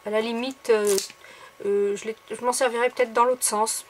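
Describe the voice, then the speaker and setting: A woman's voice: on the high side, fairly even intonation, normal speed, a little hiss or hum. A woman chatting casually to viewers as she shows off craft supplies she bought, with lots of fillers and asides. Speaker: craft vlogger. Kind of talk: casual haul video.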